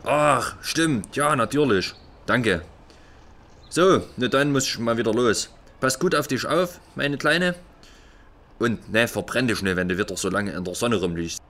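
A man's voice: medium pitch, unhurried, a bit bright, natural voice. A man playing a forgetful, flustered police inspector and father in a children's audio play. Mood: fussy. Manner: flustered, fussy, absent-minded.

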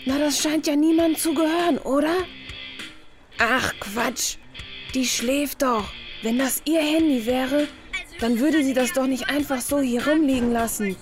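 A sly, sneaky thief. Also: female voice, sits high. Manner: scheming, smug, asides to the audience. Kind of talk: children's audio play.

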